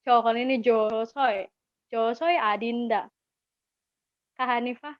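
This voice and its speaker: The webinar language teacher, a woman with an Indonesian accent, speaks a little slowly in a fairly high voice, keeping the lesson chatty and encouraging while repeating key words. The dull, lo-fi audio has no room sound.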